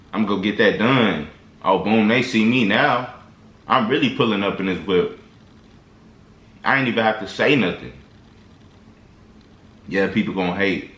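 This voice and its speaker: A vlogger with a fairly low, slightly bright voice speaks at normal speed but pauses often. His casual motivational talk to camera is slangy and loose, full of restarts, recorded in an echoey room.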